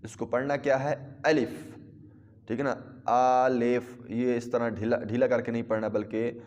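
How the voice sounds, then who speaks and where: A man teaching a recorded Qaidah lesson, explaining step by step with pauses and drawing out letters as models. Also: mid-range voice, little pitch movement, darkish tone, in a large hall, highs cut off. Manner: drawn-out model pronunciation of letters. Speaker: Quran teacher.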